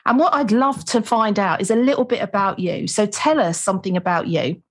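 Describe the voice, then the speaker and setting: A woman's voice: medium pitch, a little fast, slightly rough. Encouraging woman podcast host. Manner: warm, encouraging, with frequent short affirmations. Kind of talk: interview hosting.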